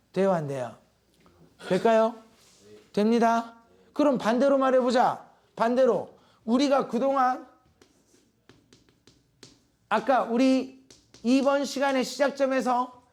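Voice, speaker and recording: A man's voice: high-pitched, a little mellow. A man teaching a math lesson to a class, asking constant check questions and drawing out key terms.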